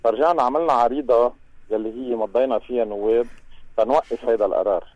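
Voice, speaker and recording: Lebanese guy explaining stuff on radio, talks fast, kinda muffled lo-fi sound. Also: medium pitch, darkish tone. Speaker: transport union representative, radio guest.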